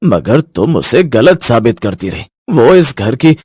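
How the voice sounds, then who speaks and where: Man as firm cartoon father-in-law, husky lively voice, dry sound. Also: mid-range voice, unhurried, no echo. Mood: stern. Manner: firm, scolding his wife. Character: stern kindly older father-in-law. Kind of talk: animated storybook voice acting.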